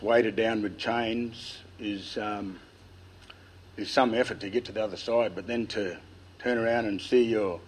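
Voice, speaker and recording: Low-voiced, lisping Australian man, nervous and halting. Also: a little mellow. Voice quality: lisp. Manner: nervous, halting delivery with long pauses. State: dry-mouthed. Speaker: speaker telling family history. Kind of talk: informal public speech, oral storytelling.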